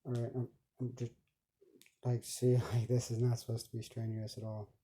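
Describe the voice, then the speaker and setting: A man talks into his camera in a rambling vlog and keeps stumbling over words. His voice is very dark and mellow. He keeps his pitch flat and fills every gap with ums. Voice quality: halting speech with many stumbles and restarts. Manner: rambling, heavy filler words. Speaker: vlogger. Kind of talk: casual self-recorded monologue.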